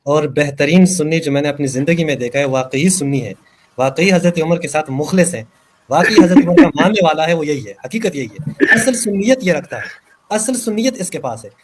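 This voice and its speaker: A man's voice: on the high side, animated, a little hiss or hum. A man speaking emphatically in a religious debate, repeating phrases for effect. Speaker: debate participant.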